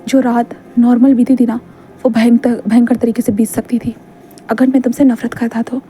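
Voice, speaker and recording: A woman's voice: flat delivery, moderate pace, dark tone, slight background noise, lightly acted. A woman voicing a cold, bossy young man who gives curt commands in a told storybook tale. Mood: stern. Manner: curt, low-key commands.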